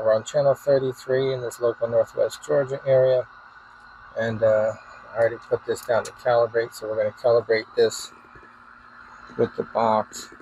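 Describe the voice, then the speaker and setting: A man hosting a hobbyist video walks through a casual, hands-on demo in a folksy, informal way. His medium-pitched voice has a darkish tone, and the rough recording carries clear background noise and ambient sound.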